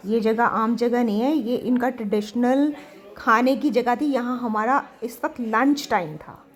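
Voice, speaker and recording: A woman's voice: on the high side, fairly even intonation, measured pace. A woman giving a casual voice-over for her travel vlog in a chatty, easygoing way. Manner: casual and chatty, sometimes forgetful. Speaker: travel vlogger.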